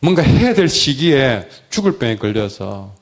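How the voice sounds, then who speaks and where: A man preaching a sermon as a pastor, with a sore throat, swinging between loud cries and hushed words. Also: medium pitch, big pitch swings, normal speed.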